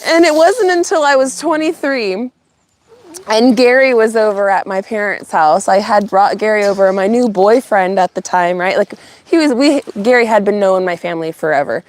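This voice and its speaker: A middle-aged Californian woman hosting her channel's livestream tells a rambling family story in a casual, animated way, frequently breaking into laughter. She speaks at medium pitch and a moderate pace.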